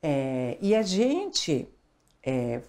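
Seated on a sofa in a small studio with a lapel mic, an older woman from Argentina talks as an interview guest in a relaxed, animated way. She's a child education specialist who gestures constantly and leans on tag questions, and her deep voice draws out its words.

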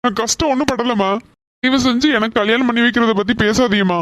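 A woman doing a gentle, patient cartoon son. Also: fairly high pitch, quick pace, dry recording, voice pushed down, natural voice. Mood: gentle reasoning. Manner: soothing, patient, persuasive. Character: calm young man, gentle reasoning son. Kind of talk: cartoon voice acting.

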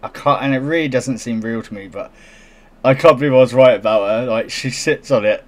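A man riffs on an odd news item, reading it aloud and tripping over the words. He breaks into giggles and throws in sarcastic jabs. His voice sits at an ordinary, middle pitch for a man. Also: fairly quick. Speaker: commentator reacting to a news story. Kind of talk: casual reaction commentary.

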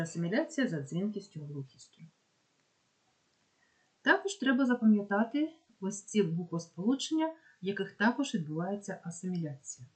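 A woman with a Ukrainian accent, teaching a pronunciation lesson and slowly spelling out example words with care. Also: mid-range voice. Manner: slow, careful dictation of examples. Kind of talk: explaining phonetics lesson.

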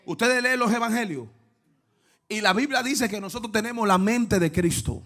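A man preaching a fervent sermon, dropping to hushed asides and then breaking into shouts while he quizzes the congregation. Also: sits high, moderate pace. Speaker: pastor. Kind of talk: lively Pentecostal sermon.

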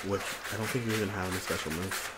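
A man's voice: low voice, steady tone, rapid-fire. A man co-hosting a game let's play, chatting casually with playful, sarcastic jokes. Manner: joking, playful, sarcastic asides. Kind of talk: casual gaming banter. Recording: loud background noise.

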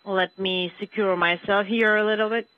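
A man interpreting a spacewalker's calls live over a radio transmission, relaying each short call in a measured, careful way. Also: high-pitched, fairly even intonation. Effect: radio transmission from space, like a communicator. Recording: dull lo-fi radio link.

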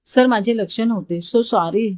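A woman's voice: medium pitch, a little slow, a little mellow, no room sound, natural voice. A woman storyteller voicing a polite, apologetic young woman new at an office, in a dry, close recording.

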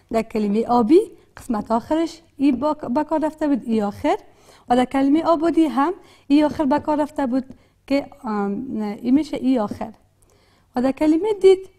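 A woman's voice: high voice, warm tone. A woman with an Afghan Dari accent teaching a literacy lesson, patiently repeating and spelling out words with frequent hesitations. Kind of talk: classroom lesson.

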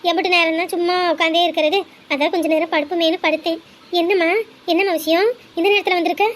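A middle-aged woman speaks in a very high, fast voice as she soothes and reassures. She acts in an amateur family drama, with faint room noise behind her. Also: fairly even intonation. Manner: soothing, motherly. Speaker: actress playing a mother.

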